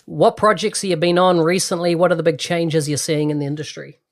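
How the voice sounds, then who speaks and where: A man's voice: fairly high pitch, fairly even intonation, a little fast. A man hosting a podcast interview, chatty and upbeat as he asks questions. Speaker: podcast host. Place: London.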